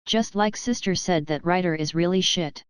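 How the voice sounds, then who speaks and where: A woman's voice: fairly low pitch, normal speed, smooth, dry recording, clean studio sound, natural voice. A woman voicing a proud male house cat who talks in a blunt, scolding way. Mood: grumpy. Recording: dull, muffled sound.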